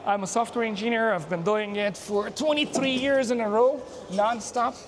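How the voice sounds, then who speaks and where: A man from Afghanistan vlogging outdoors at a busy conference on a handheld mic, chatting casually and narrating what he does. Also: high-pitched. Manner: chatty, self-narrating, quick asides and laughs. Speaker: YouTuber and software engineer. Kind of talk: casual on-the-street vlog chat. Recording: noisy outdoor ambience.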